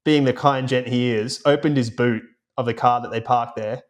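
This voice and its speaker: A man's voice: medium pitch, fairly even intonation, normal speed. A man co-hosting and producing a podcast, chatting casually and telling rambling stories with many fillers. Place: remote, recording away from home.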